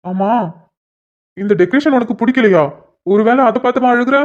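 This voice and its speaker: A woman's voice: a little high, normal speed, natural voice. Woman voicing a shy, tender young husband. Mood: teasing. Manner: soft, apologetic then playfully teasing. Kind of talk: cartoon dialogue voice acting. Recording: dull lo-fi recording.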